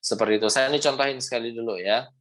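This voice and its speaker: A man teaching pronunciation in an online class over a video call, patient and repetitive, modeling sounds slowly. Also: mid-range voice, fairly bright tone. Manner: patient, repeats "seperti itu, ya" often, demonstrates sounds. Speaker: Quran recitation teacher.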